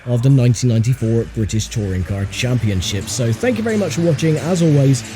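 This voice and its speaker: A fast-talking sim racer with a medium-pitched, animated, mellow voice comments casually on his own driving while hosting a racing game video. Faint music plays behind him, along with faint engine noise and the game's car sounds.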